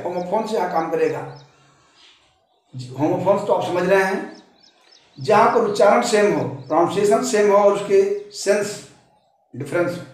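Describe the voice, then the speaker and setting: A man with a Hindi accent teaching an English pronunciation lesson, repeating each point, calling viewers his friends and spelling letters out slowly. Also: sits high, recorded from a distance. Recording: very echoey room, voice from off-mic.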